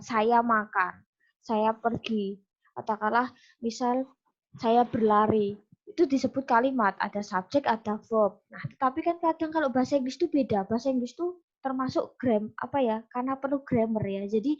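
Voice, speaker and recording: A woman's voice: a little high, normal speed, highs cut off. A woman with an Indonesian accent teaching English grammar in an online class, explaining step by step with many fillers and restarts. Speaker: English lecturer.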